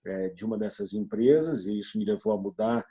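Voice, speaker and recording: A man in his forties from southern Brazil speaks haltingly in a video meeting, stopping often on fillers. His voice sits at a middling pitch, dark and mellow in tone, with a husky edge. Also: flat delivery. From Rio Grande do Sul, Brazil. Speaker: business partner.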